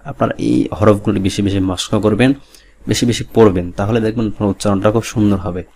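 A man teaching Quran reading, spelling out letters and vowel marks slowly, repeating each drill and explaining the rules earnestly. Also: on the low side, steady tone, a little mellow, slight background noise. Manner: explains rules plainly and earnestly, urging students to read along. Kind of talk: step-by-step recitation lesson.

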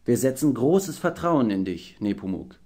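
A man voicing a calm, wise adult male engine driver in an audiobook reading, speaking deliberately and thoughtfully. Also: mid-range voice, natural voice. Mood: serious. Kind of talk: audiobook character voice.

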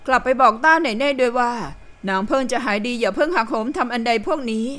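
A woman's voice: a little high, fast, fairly bright tone, close to an everyday voice. A woman voicing a proud elderly grand dowager in an audio novel, curt and grumbling. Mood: gruff.

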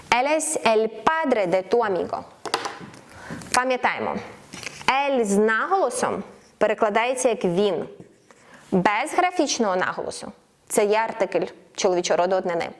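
Woman teaching Spanish slowly. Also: medium pitch. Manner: explains clearly, slows right down for example phrases. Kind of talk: online language lesson.

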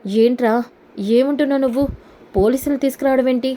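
A woman's voice: high-pitched, steady tone, fairly quick, mellow, lightly acted. A woman voicing a fussy scolding grandmother. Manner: scolding, anxious.

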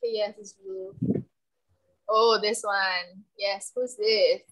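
A woman's voice: mid-range voice, very animated, slow pace, creaky, a bit bright, low-quality recording. Young Singaporean woman hosting, Singlish-flavoured chat. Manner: colloquial Singlish particles. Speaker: online game host. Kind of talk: casual chat hosting a guessing game. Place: indoor room, video call. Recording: online group video call.

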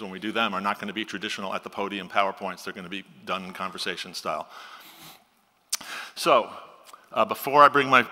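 A man's voice: lowish voice, bright, forceful tone, in a large hall. A man in his sixties giving a conversational conference keynote from a podium on a large auditorium stage, speaking into a podium mic on a stand.

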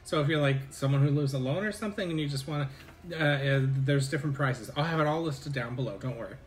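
A man's voice: mid-range voice, fast talker, soft background music. A man hosting a casual snack unboxing, chatting candidly about the cost of the box. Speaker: channel host.

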